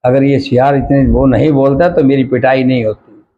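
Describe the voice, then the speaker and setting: A man's voice: mid-range voice, steady tone, moderate pace, dull audio, a little hiss or hum, close to an everyday voice. A man voicing a simple, innocent male camel in a fable, speaking plainly and earnestly. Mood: aggrieved.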